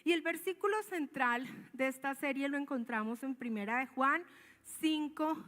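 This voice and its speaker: A woman's voice: high voice, a bit bright. A woman with a Colombian accent giving a conversational, emphatic sermon and asking her listeners questions. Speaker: preacher. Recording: long hall reverb.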